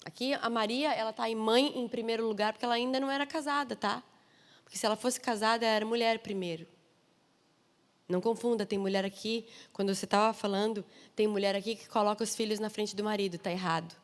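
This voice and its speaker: A woman's voice: on the high side, fast. Brazilian lady preacher, funny and punchy, lots of hall echo trailing off. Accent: Brazilian Portuguese. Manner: lively, humorous storytelling with emphatic asides. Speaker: missionary preacher. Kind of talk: sermon. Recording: long reverb of a large hall.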